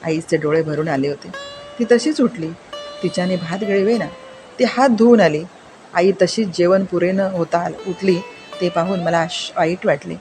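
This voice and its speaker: Expressive storyteller reading for children. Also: medium pitch. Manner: measured, expressive. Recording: faint music behind.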